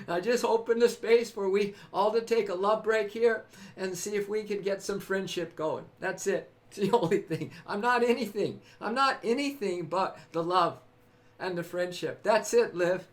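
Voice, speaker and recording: Live-stream host, spiritual pep talk, effusive, frequent laughter, repeats phrases, middling pitch. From California. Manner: addresses viewers by name.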